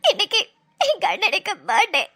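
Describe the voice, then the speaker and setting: An emotional young woman speaks earnestly and pleadingly, voiced by a woman. Her voice is very high and ringing bright. It is a voice for a cartoon drama. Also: wildly swooping pitch, normal speed, heavily acted. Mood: tearful. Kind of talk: cartoon voice acting.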